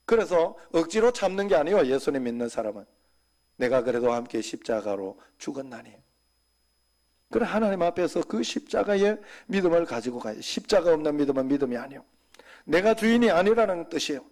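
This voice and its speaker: A man preaching a sermon as senior pastor, talking conversationally and dropping suddenly to soft, quiet asides. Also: a little high, animated, fast talker.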